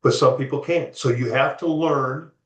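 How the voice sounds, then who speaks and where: A man's voice: medium pitch, steady tone, normal speed. A man speaking as an interview guest in casual chat, rambling and repeating himself often. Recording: roomy, dull lo-fi sound.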